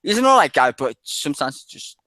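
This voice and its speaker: A man's voice: a little high, sing-song, brisk, a crowd in the background. A man chatting casually on an online video hangout, rambling, swearing freely and laughing often.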